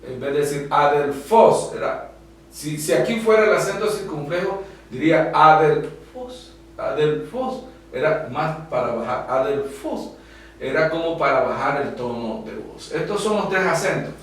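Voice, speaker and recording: A man teaching a class, explaining slowly with frequent pauses and fillers at a whiteboard. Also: fairly high pitch, expressive. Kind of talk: classroom lecture. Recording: echoey room from far off, faint hum.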